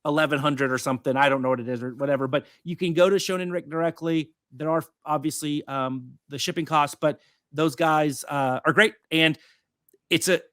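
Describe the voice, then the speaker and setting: A man co-hosting a casual podcast, rambling with many fillers and restarts. His voice sits a touch high, and the sound is close and dry. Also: steady tone, a little fast, a bit bright, no echo. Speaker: podcast co-host. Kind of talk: casual chat.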